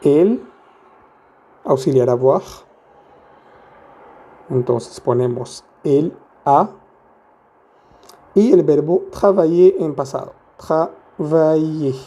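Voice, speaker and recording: A male teacher walks through a grammar lesson at an unhurried, deliberate pace. His voice is deep-toned and mellow, sitting a little high for a man. He is patient and playful, asking questions of the listener as he explains each step. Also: husky. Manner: patient, asks rhetorical questions, playful asides. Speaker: French teacher.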